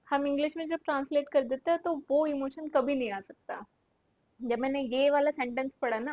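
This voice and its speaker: Lady teaching english idioms in hindi, kinda high voice, says examples real slow, dry close sound. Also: no room sound, rough recording. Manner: slow, carefully spaced example sentences.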